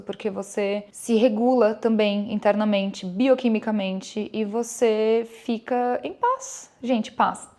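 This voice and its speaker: A woman's voice: mid-range voice, darkish tone. A woman from Brazil hosting her own podcast, talking casually and reflectively to her listeners and acting out bits of inner dialogue. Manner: chatty and reflective, calls listeners "gente", acts out inner dialogue. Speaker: podcast host. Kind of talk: casual solo podcast talk.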